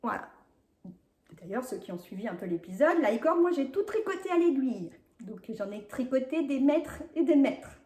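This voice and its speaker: A woman hosts a knitting vlog from an echoey room at home, showing off her projects in a chatty, hesitant way full of fillers and frequent laughter. Her voice sits high and sing-song with a dark tone, and at times she rushes, then apologizes for talking so fast.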